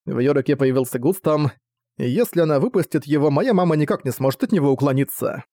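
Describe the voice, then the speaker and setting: A man narrating a fantasy story as an audiobook, steady and dramatic. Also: on the high side, fast talker, dry recording, studio quality.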